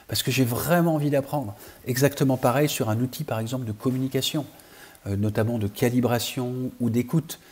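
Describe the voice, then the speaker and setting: A man teaching a training course with a mellow, warm tone and a slightly husky edge. He explains steadily, step by step, speaking straight to his learners the way a coach would. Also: mid-range voice. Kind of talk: online training lesson.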